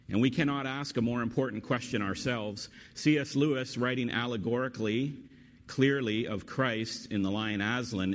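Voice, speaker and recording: A low-voiced male pastor delivers a sermon with earnest, rhetorical emphasis. He leans into each question he poses. His voice trails into a long church-hall reverb. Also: slight background noise.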